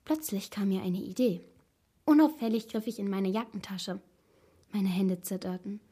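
A woman narrating a first-person storybook in a steady, tense manner. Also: medium pitch, normal speed, husky.

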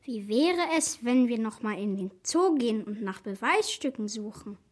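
A woman voicing a cautious young boy in a storybook reading, speaking in a hushed, urging way. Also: a little high, animated, normal speed.

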